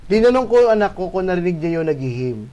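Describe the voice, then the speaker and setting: A male host telling a spooky encounter in a casual, animated way, swearing and adding tag questions. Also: sits high, quick pace, highs cut off. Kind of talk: casual storytelling of a ghost encounter.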